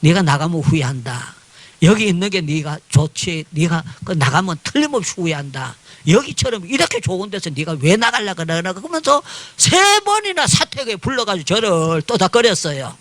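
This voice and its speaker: A man's voice: high voice, moderate pace, hardly any pauses, no echo. An older man, a pastor and missionary, telling a testimony in a sermon on prayer and acting out the voices of people in his story. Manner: animated storytelling, crying out in prayer, acting out dialogue.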